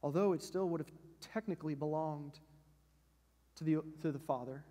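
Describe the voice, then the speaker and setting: A man's voice: fairly high pitch, normal speed, dark tone. A male pastor preaching a sermon in a church sanctuary, talking in a conversational way and asking his listeners questions. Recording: long church hall reverb.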